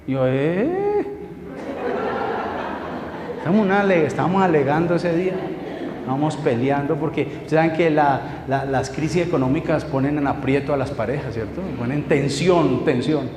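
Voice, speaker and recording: A man's voice: a little high, fairly quick. A middle-aged man preaching a sermon, telling stories emphatically and asking the congregation questions. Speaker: pastor. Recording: echoey hall with long reverb, faint noise.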